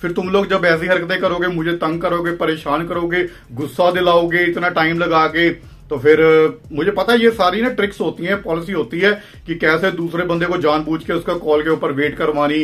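A young Indian man hosting a phone-call vlog, brash, taunting and impatient, with an Indian accent. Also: on the high side. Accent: Indian Hindi. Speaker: wrestling channel host.

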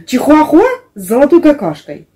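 Speaking in a high-pitched, sing-song voice at normal speed, a middle-aged vlog co-host who cleans houses for a living chats with a close friend indoors in a small wood-panelled living room. She tells things playfully with made-up words and little sound effects, a crowd audible in the background, recorded by a camera across the table.

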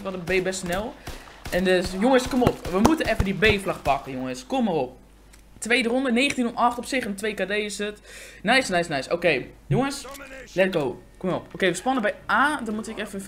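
A man giving live, excitable gameplay commentary, swearing often and talking in slang into a condenser microphone. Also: high-pitched. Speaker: gaming YouTuber. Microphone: USB condenser microphone.

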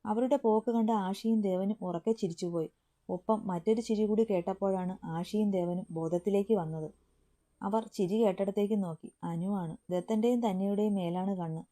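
A woman narrating a romantic family story in a steady, emotive storytelling manner. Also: medium pitch, normal speed.

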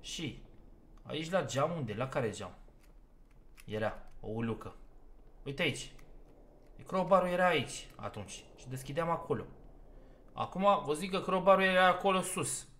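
A man's voice: on the high side, animated, long pauses, fairly bright tone. A man giving let's play commentary on a horror game, talking himself through each step and getting easily exasperated. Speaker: gaming YouTuber.

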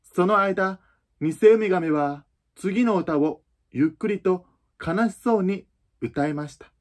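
A man narrating a children's storybook in a calm, even reading voice, with the odd slip and restart. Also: high-pitched, unhurried.

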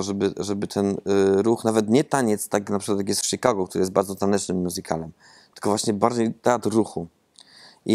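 Deep, creaky, and slightly mellow, this thirty-something man's voice belongs to a theatre director answering interview questions. His replies wander thoughtfully, with frequent hesitations and repeated words, as he sits in an empty auditorium wearing a lapel mic.

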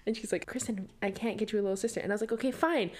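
A young woman from Hawaii co-hosts a podcast in easy, casual chat. She laughs a lot and acts out the stories she tells. Her voice sits at an ordinary middle pitch. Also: racing. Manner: chatty, giggly, animated retelling. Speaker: podcast co-host.

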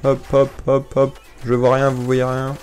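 A young man giving playful, casual commentary while playing a video game, repeating words and bursting out in sudden excitement. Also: mid-range voice, measured pace, smooth, faint music behind. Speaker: gaming YouTuber. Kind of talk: casual let's-play commentary.

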